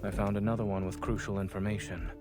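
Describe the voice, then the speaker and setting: An actor playing a calm, composed young male doctor in a game, speaking in a measured way with dry teasing. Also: on the low side, close to an everyday voice. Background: game music.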